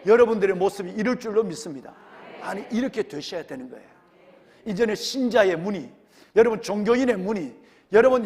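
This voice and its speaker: In a church sanctuary, a male senior pastor from Korea's Gyeongsang region preaches with a Gyeongsang accent, firing rhetorical questions at his congregation. His voice sits high with a darkish tone and a long reverb tail.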